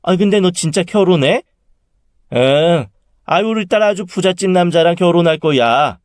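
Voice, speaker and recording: A man voicing a sharp-tongued middle-aged mother who scolds loudly and brags about her daughter. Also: lively intonation, unhurried, dry recording, clean studio sound. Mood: boastful. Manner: loud, scolding and shrill.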